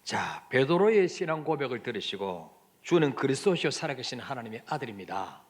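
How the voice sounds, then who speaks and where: A man's voice: medium pitch, very animated, brisk. A man preaching a sermon as pastor, asking the congregation questions and acting out quoted lines.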